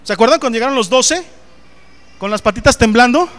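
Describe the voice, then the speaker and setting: A man delivers a sermon in a high voice. He speaks with animated conviction and keeps turning to the congregation with direct questions. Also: a little fast. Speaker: preacher.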